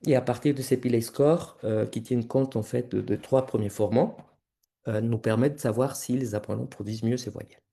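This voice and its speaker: A man's voice: medium pitch, steady tone, fairly quick, creaky, warm tone. A male researcher giving an academic conference presentation, explaining his slides step by step and talking directly to the audience.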